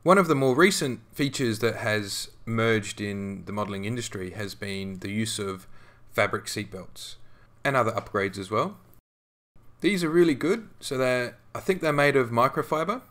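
Speaking at a moderate pace in a medium pitch, a man narrates a scale modelling tutorial voice-over. He's relaxed and conversational, regularly pausing on ums and restarting.

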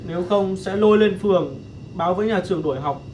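A man's voice: high-pitched, fast talker, a little mellow, lightly acted. An actor playing a timid, apologetic teenage boy in a TV drama. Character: scared teenage younger brother. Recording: distant voice with noise.

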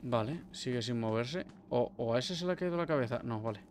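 Spanish young gamer, loose sweary let's play talk, average pitch, game sounds heavy behind. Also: male voice, a little fast, slight background noise. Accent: Spain. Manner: casual, swears a lot, excitable.

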